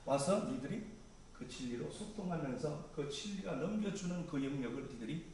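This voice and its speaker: Male pastor, mid-pitched, relaxed conversational sermon; distant mic in a very echoey hall with faint ambience. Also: moderate pace, a little hiss or hum. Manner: conversational preaching, paraphrasing scripture in casual speech.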